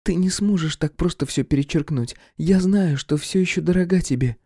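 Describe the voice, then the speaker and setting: Audiobook: male reader doing a prickly ex-girlfriend, high and snappish, warm dark tone. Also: normal speed, husky, dry recording, studio quality. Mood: pleading. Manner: snippy, hissing. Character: bitter young woman, Max's ex, sharp-tongued.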